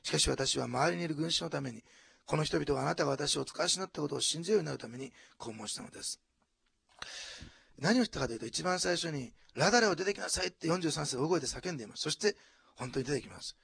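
A male pastor from preaching a sermon, dropping to hushed asides and then rising to loud, animated exclamations. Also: on the high side, quick pace, creaky, slightly rough, no room sound. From Japan, Osaka.

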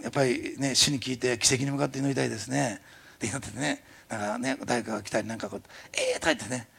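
A middle-aged man preaching a sermon, telling a story in a fast, animated way. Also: medium pitch, vocal fry, breathy edge. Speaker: pastor.

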